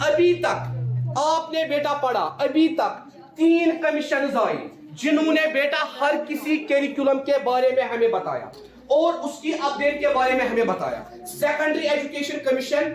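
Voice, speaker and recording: In an echoey classroom, a male teacher lectures in a very high-pitched, sing-song, unhurried voice. He mixes Hindi with English terms, keeps addressing his students as "beta," and repeats every key point as a question to the class.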